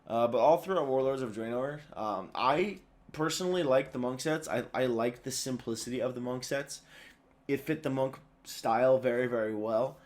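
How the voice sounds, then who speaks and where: A man's voice: mid-range voice, normal speed. A tired man hosting a video, giving casual, rambling commentary full of fillers and restarts. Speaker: video host.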